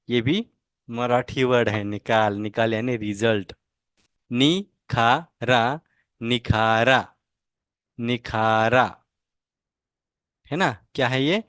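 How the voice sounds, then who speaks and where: A man with a Marathi accent leads a language lesson, dragging out each word at a very slow, patient crawl and saying it several times over. His voice sits at a middle pitch. It sounds dry and close, with no room echo at all. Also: a bit bright, clean tone. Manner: slow, drawn-out repetition of each word for students to copy. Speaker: language teacher. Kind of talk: online language lesson, reading words aloud.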